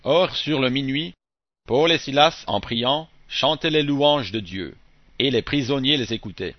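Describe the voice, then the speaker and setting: A man giving a scripted Bible reading in a measured, even delivery, phrase by phrase. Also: mid-range voice, no echo. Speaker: scripture reader. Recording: dull, dry close recording.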